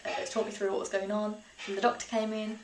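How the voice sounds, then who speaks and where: Talking fast with little pitch movement in a medium-pitched voice, a young British woman vlogs about her personal experiences to camera. She's casual and chatty, laughing softly through her sentences. The recording has a roomy echo and faint background noise.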